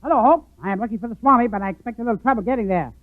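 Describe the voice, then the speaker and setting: A zany, scatterbrained professor, pitched very high and talking quickly. He is blithely matter-of-fact about nonsense, in the manner of 1940s radio comedy. The sound is a tinny old broadcast. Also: no echo. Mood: blithely daffy. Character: zany, scatterbrained male professor and inept amateur pilot.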